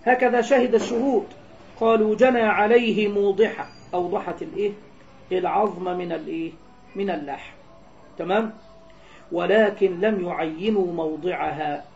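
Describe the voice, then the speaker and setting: A man with an Egyptian accent and a high, mellow voice teaches a classical legal text. He reads passages aloud, then explains them in everyday speech. Again and again he asks the class a question and answers it himself, and the recording sounds dull and lo-fi. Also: creaky, a little hiss or hum. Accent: Egyptian Arabic. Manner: keeps asking his students rhetorical questions, then answers them himself; alternates between reading the text aloud and explaining it in colloquial terms. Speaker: Islamic jurisprudence teacher.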